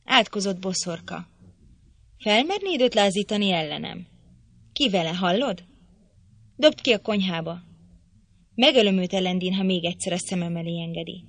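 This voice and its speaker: A woman voicing a furious, domineering middle-aged man who shouts threats, in an audiobook reading. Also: mid-range voice, no room sound. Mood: raging.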